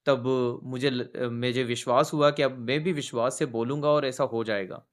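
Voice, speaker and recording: A man's voice: medium pitch, fairly even intonation, moderate pace. A soldier sharing a personal faith testimony in an earnest storytelling manner, shifting his tone as he recounts conversations. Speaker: soldier giving a church testimony.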